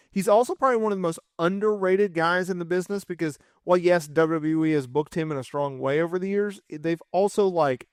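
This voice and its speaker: A man in his thirties hosting a casual wrestling list video, chatty and quick to correct himself. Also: on the high side, dry recording, studio quality. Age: 30s. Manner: chatty, self-correcting, fan enthusiasm. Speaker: wrestling commentary host.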